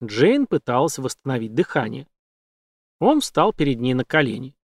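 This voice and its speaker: Man narrating a dark audiobook. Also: mid-range voice, moderate pace, dry recording, clean studio sound. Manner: steady, dramatic reading. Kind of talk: scripted narration.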